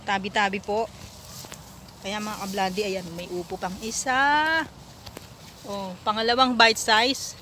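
A woman's voice: mid-range voice, unhurried, long pauses. Giggly woman vlogging on a farm. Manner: chatty, giggly, addresses viewers as "mga kablandi". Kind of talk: casual selfie vlog tour. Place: outdoors on a rural farm. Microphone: phone at arm's length. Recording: phone recording with outdoor noise.

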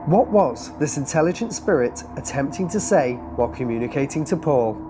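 A documentary narrator delivering scripted, measured, suspenseful narration. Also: mid-range voice, animated, over music.

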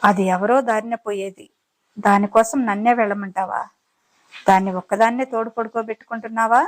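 A woman's voice: on the high side, steady tone, fairly quick, close to an everyday voice, rough recording. A woman voicing a drunk, crude, pushy young man in a dramatized audiobook story, wheedling at first and then mocking. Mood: sneering.

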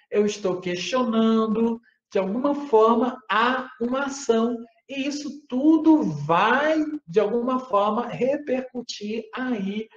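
Man lecturing in a roomy space. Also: sits high. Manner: explanatory, frequently tags phrases with "né?", hesitant fillers. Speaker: university lecturer. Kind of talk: online academic lecture. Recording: roomy, slightly dull audio.

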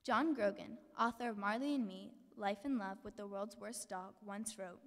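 A woman's voice: mid-range voice, moderate pace, fairly bright tone. A teenage girl, a middle-school student, giving an earnest prepared speech at a podium in a school hall, reading from notes with small slips. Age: teens. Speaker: student speaker. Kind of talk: prepared speech read aloud. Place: large school hall with an audience. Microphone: podium mic, filmed from the back of the hall. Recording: long hall reverb, distant camera.

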